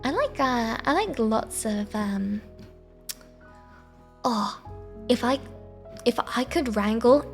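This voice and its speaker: A sleepy woman rambles softly and casually to her livestream. Her voice is fairly high, with a lot of creak in it. Gentle music plays behind her. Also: animated, slow pace, long pauses. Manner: sleepy, soft and meandering. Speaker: live streamer. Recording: soft background music. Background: quiet background music.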